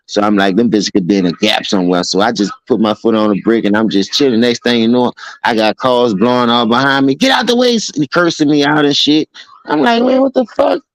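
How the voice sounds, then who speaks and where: Man, low voice, dry close-mic sound, loose profane podcast storyteller. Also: no echo, rough recording. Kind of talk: casual podcast chat.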